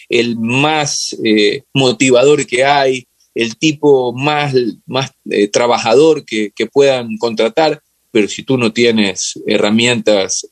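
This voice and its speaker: An interview guest with an Ecuadorian accent, this man chats about football in a loose, reflective style, often repeating phrases while searching for what to say. His voice is mid-range and the recording is dry.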